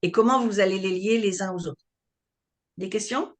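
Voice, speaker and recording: Woman coach teaching a live webinar, explains patiently, keeps asking if it's clear. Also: mid-range voice, normal speed. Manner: explanatory, checks on listeners with questions. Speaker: online business coach.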